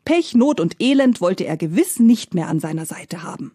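A woman telling a fairy tale in expressive scripted narration, sometimes dropping to soft whispered phrases. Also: fairly low pitch, moderate pace, husky, no room sound, clean studio sound. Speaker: storyteller.

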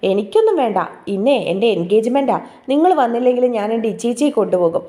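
Woman reading as a cheeky young brother, bossy, mellow voice, audio story. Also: a little high, very animated, fast.

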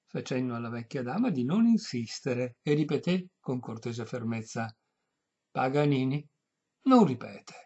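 A man reading a comic short story aloud in an expressive storytelling voice. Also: medium pitch, creaky, husky. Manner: expressive, animated narration. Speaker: audiobook reader. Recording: dull lo-fi recording.

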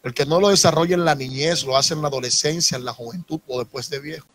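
Speaking fast in a slightly high voice, this man in his thirties delivers a sermon with a Dominican Spanish accent, his emphasis rising as he makes asides to the congregation. He's a pastor from the Dominican Republic holding a handheld microphone in a church sanctuary, with gentle instrumental music behind him.

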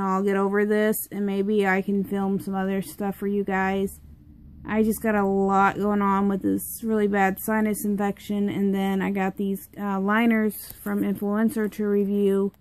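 A young woman with a congested, stuffed-up voice reviews a product at home, chatting and rambling with many fillers. Her voice is mid-range and a little mellow.

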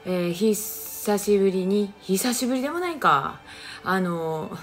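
A woman's voice: mid-range voice, measured pace, faint music behind. Chatty Kagoshima-accented woman live-streaming. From Japan, Kagoshima. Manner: chatty, animated, greets viewers by name. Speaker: livestream host reading viewer comments. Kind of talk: casual livestream chat.

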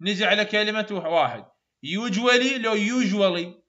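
In a muffled recording of a class, a man teaches phonetics with an Iraqi Arabic accent. His voice is high and bright, and he goes over sounds slowly and repeatedly while frequently offering students praise.

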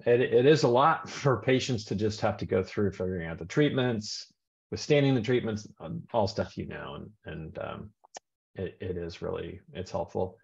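A man's voice: fairly low pitch, creaky, darkish tone. A man speaking on a video call, rambling with many fillers and restarts. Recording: dull lo-fi call audio.

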